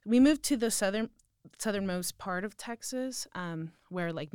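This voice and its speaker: A young woman from central Mexico, a native Spanish speaker with a Mexican accent, chats casually as an interviewee, rambling and filling her speech with "like" and "um." Her voice is on the low side, clear, and resonant, recorded at studio quality with no echo.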